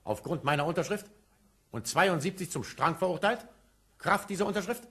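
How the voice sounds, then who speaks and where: An actor playing a stern, haughty colonial judge who interrogates in a declamatory manner in a 1950s German radio play. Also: male voice, high-pitched, lively intonation, normal speed, fairly bright tone, breathy edge, full character voice. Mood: menacing. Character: stern, imperious colonial judge, proud of his power.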